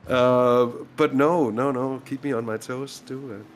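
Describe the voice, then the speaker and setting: A man doing live commentary on a sim race, chatty and quick to laugh, who often trails off mid-sentence. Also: medium pitch, fairly even intonation, a little hiss or hum. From Denmark. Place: at home in a sim racing rig.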